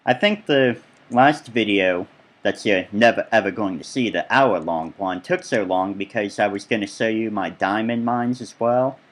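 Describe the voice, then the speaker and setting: Man, low voice, let's play commentary, casual, rambling asides. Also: normal speed, a bit bright. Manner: rambling, chatty asides while touring his build.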